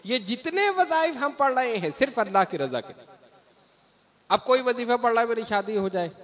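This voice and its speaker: A male preacher tells moral stories in a sermon and acts out each character as he goes. His voice sits high and sounds bright and forceful. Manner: animated storytelling, acts out the dialogue. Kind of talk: storytelling sermon.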